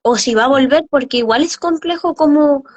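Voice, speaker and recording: A woman hosts a casual interview with a friendly manner. Her voice sits high, and she moves easily from reading viewer comments to asking the next question. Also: fairly quick. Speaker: interview host.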